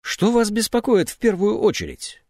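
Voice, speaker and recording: A man's voice: high voice, wildly swooping pitch, moderate pace, no room sound, studio quality, voice pushed up, exaggerated voice. A man voicing an angry, indignant woman psychiatrist in an audiobook. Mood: stern. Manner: sharp, indignant.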